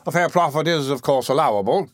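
A man's voice: fairly high pitch, quick pace, no room sound, close to an everyday voice. A man voicing a pompous, self-important parish beadle in an audiobook reading. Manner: pompous and blustering.

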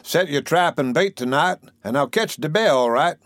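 A man doing a crafty little weasel, raised pitch, dry sound. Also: animated, normal speed, a bit bright, no room sound. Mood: scheming. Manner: crafty, persuasive, sly. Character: small, sly male weasel schemer.

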